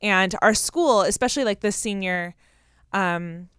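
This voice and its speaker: A young woman co-hosting a chatty podcast, telling stories in animated, colloquial speech peppered with "like". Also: mid-range voice, a little slow, smooth, no room sound, clean studio sound. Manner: animated, colloquial, heavy use of "like". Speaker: podcast co-host. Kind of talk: casual chat and storytelling.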